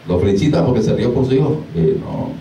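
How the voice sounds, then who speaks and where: With a mid-range voice and a brisk pace, a deliverance minister gives an informal, animated sermon to a small group, acting out exclamations and laughing throughout. The recording, made far from the mic in an echoey room, has slight background noise.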